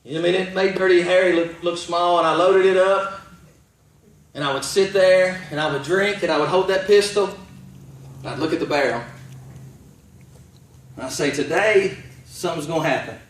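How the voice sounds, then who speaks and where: A man in his thirties, a pastor preaching his testimony as a story and swinging from hushed, low moments to shouted peaks. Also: normal speed, long pauses. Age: 30s. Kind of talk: testimony sermon. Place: large church sanctuary. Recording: echoey hall, distant mic.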